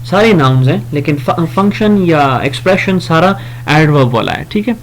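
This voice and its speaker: A man teaches grammar. He reads each example slowly and carefully, then explains it in a relaxed, conversational way, pausing on fillers and correcting himself as he goes. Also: on the high side. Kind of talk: grammar lesson.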